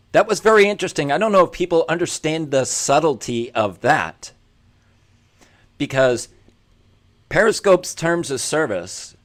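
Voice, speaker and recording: This opinionated commentary monologue comes from a male host with a somewhat high-pitched voice for a man. He preaches with emphasis, repeating each point until it sticks. His bluntness extends to himself, making him as self-deprecating as he is direct.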